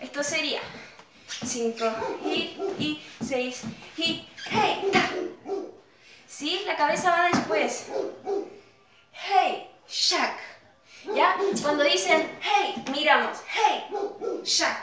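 High-voiced woman counting dance beats. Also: drawn-out words, pauses often, noisy background. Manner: counts beats aloud over music, calls out hey. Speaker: dance instructor. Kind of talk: online dance class instruction. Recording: roomy echo, distant mic, loud music. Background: loud pop music.

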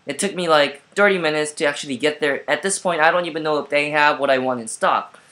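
Man, casual vlogger, bright tone, rambly with fillers, laptop webcam at home. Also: on the high side, fast. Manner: rambling, lots of fillers and restarts. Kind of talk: casual vlog storytelling.

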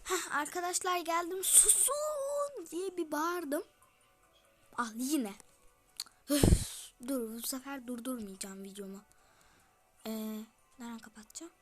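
A woman's voice: sits high, unhurried, pauses often, fairly bright tone, faint music behind. A female YouTuber giving chatty game commentary, talking straight to her viewers and slipping into whispered asides. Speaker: gaming YouTuber.

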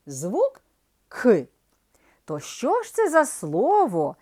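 A woman teaching a children's reading lesson, slowly sounding out syllables and asking young pupils questions, then answering them herself. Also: fairly high pitch, darkish tone. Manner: slow, drawn-out, sounds out syllables; addresses young pupils, asks and answers her own questions.

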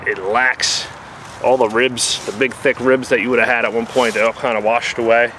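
The delivery is flat, at medium pitch and normal speed, with background noise around it. A man with a New Jersey accent, working as an outdoor explorer vlogger, walks the woods narrating his discoveries to a handheld camera in a casual, plain manner full of fillers.

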